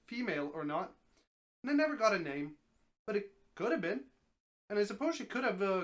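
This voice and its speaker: In a dramatic story reading, a man with a high, fairly bright voice plays an old, easygoing talking snake. The character sounds folksy and matter-of-fact.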